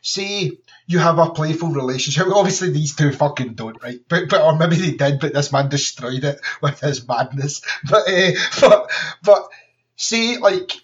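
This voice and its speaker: Brief: chatty, crude man, slightly high voice, recorded dull and a bit far from the mic. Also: lively intonation, moderate pace. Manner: rambling, frequent laughter, crude jokes. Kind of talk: casual chat.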